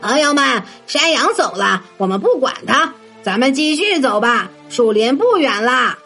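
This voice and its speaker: A woman's voice: sits high, animated, measured pace, pushed and bright, slightly rough, faint music behind, exaggerated voice. A woman voicing a hungry, sly and cowardly male wolf in a children's story, stammering and whining. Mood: scheming.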